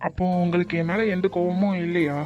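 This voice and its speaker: A polite young cartoon man with a fairly high voice, pleading gently to patch things up, as a man acts him out. The recording is dull and lo-fi, with faint music underneath. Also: flat delivery, fast, lightly acted. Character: young man Karthik, polite, remorseful co-worker. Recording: dull lo-fi audio with music bed.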